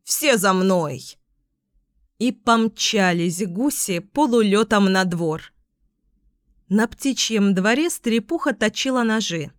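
Slow woman reading a fairy tale. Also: medium pitch, animated, no echo, studio quality. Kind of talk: storybook narration.

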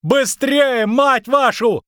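A man voicing a frantic male bard who yells in panic from above. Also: very high-pitched, slow, smooth, no room sound, studio quality, pitched above the performer's own voice, full character voice. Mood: frantic shouting. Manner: yelling, panicky.

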